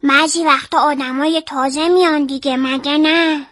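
A woman's voice: high-pitched, no echo, studio quality, pitched above the performer's own voice. Woman doing a sulky lonely boy. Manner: flat, reluctant replies.

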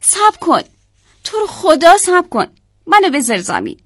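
A woman's voice: fairly high pitch, animated, dry recording, studio quality. A woman voicing a small green lizard, unhappy with itself, that whines and pleads. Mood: pleading. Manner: whiny, pleading cries.

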